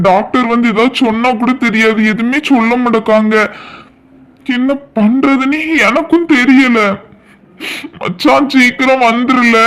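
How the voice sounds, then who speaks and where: Cartoon young guy, calm and steady, mid pitch, voiced by the actor. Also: lightly acted. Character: young man friend, calm and reassuring.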